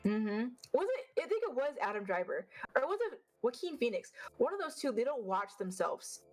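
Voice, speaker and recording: Appearing as a vtuber guest in a relaxed interview, a woman with a deeper, unfeminine voice speaks fast and bluntly, swearing freely. Now and then she trips into a slight stutter, with faint music playing in the background.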